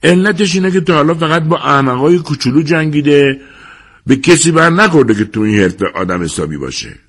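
A man voicing an excitable grown male gambler in an audiobook, shouting in a high, drawn-out voice. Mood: scoffing. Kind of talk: audiobook character voice.

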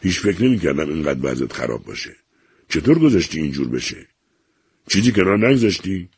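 A man with a deep, gravelly voice voicing a stern old doctor who coldly refuses to help his son. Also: very animated, no room sound, exaggerated voice. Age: older. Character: stern, cold elderly father, a doctor. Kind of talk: audiobook character reading.

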